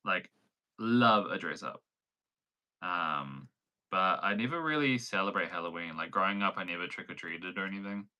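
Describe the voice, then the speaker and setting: A young New Zealand man, a crochet pattern designer, hosts a casual crochet livestream, chatty and giggly with lots of likes and ums. His voice is low, bright and forceful, with lively intonation at a moderate pace.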